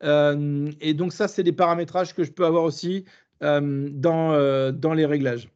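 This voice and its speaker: A man with a southern French accent runs a live webinar demonstration, slightly high-voiced. He talks hesitantly, with many fillers and restarts. The audio sounds a little muffled. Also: level tone, unhurried, darkish tone, clear, resonant tone. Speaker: webinar trainer.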